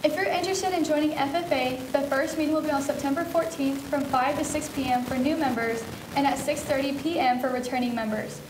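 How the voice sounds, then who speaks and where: A woman's voice: high voice, brisk, hardly any pauses, roomy sound, noisy background. A teenage girl co-anchoring a school news show, steadily reading scripted announcements. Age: teens. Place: school TV studio.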